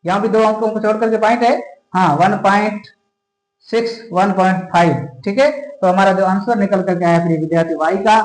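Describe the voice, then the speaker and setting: A man's voice: sits high, a little fast. A man with a Rajasthani Hindi accent teaching a school math lesson, speaking directly to his students and often checking whether they have any doubts. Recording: echoey room.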